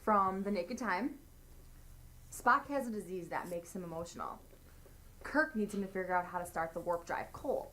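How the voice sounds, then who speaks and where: A woman's voice: mid-range voice, animated, moderate pace, bright, forceful tone, a little hiss or hum. A woman playing an earnest, insecure acting student in a naturalistic short film. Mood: tentative, eager.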